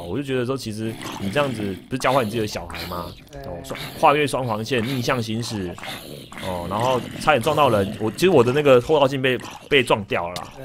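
Stammering, lively Taiwanese-accented male streamer. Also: mid-range voice, slight background noise. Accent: Taiwanese Mandarin. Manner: animated storytelling with frequent stammered repeats; jokes with the chat. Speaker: game streamer. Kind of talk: casual livestream chat while gaming.

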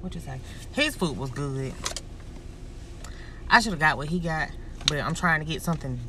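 A woman's voice: low voice, normal speed, background noise. A woman, chatting casually in a car about a dinner date. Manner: relaxed, chatty, Southern US slang like y'all and finna. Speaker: vlogger. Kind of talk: casual vlog chat. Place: inside a car.

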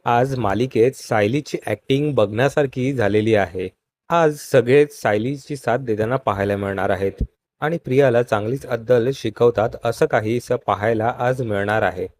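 A man's voice: mid-range voice, moderate pace. Man narrating a TV serial recap. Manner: steady storytelling, addresses viewers as friends. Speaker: show recap host.

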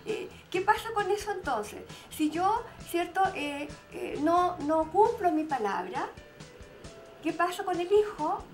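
A woman's voice: very high voice, very animated, a little slow, faint music behind. A woman on a TV panel, explaining parenting in casual chat and often tagging her points with "¿cierto?". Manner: explanatory, with frequent "¿cierto?" tags.

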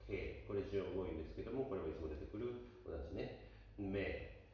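A man's voice: low-pitched, fairly quick, muffled recording, a little hiss or hum. A man teaching a class, explaining patiently and often rephrasing himself with fillers. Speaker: Spanish teacher. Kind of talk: classroom lecture. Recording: very echoey room, mic far off.

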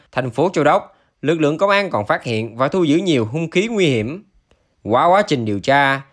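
A man's voice: a little high, fairly bright tone. A man reading scripted news narration for an online channel in a formal manner.

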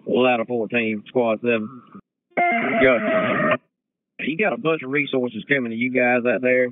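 A fire engine crew officer on a two-way radio, trading clipped call signs and replies. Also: male voice, medium pitch, expressive, unhurried. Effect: two-way radio transmission. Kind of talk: terse fire radio traffic. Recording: tinny two-way radio with hiss.

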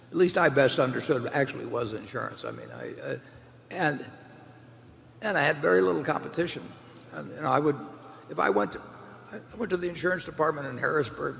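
A man's voice: medium pitch, vocal fry, a bit bright, a little hiss or hum. An older man answering questions on a stage, talking off the cuff with many restarts and fillers. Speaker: chairman answering shareholder questions. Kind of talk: unscripted Q&A answers. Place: large hall stage, seated at table. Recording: large reverberant hall, faint ambience.

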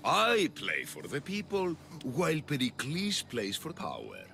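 For video game dialogue, a male actor voices a scheming, grandiose Athenian populist politician with heavily acted, gravelly oratory. His voice is on the high side, unhurried, pushed and bright, swooping wildly in pitch with an insinuating mood. A little hiss or hum sits in the background.

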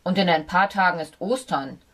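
A gruff male dog from a children's storybook, as a woman reader puts him on, speaking in a lowish, firm voice. He explains things in a lecturing, slightly superior way, as if everyone ought to know already. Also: moderate pace, a bit bright. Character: know-it-all male dog, a bit condescending. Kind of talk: audiobook character voice.

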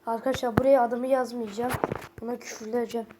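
A woman's voice: on the high side, little pitch movement, quick pace, very noisy. Stuffy-nosed young woman reading chats aloud. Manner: reads messages aloud with blunt casual swearing. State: stuffy nose. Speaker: vlogger. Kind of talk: reading a horror chat aloud.

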